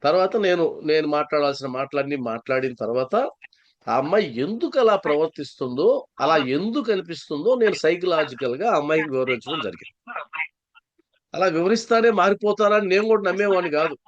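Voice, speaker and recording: A man's voice: a little high, expressive, fairly quick, lo-fi sound. A man from Andhra Pradesh, a spiritual speaker and psychologist, telling a story in a satsang talk and repeating key phrases for stress.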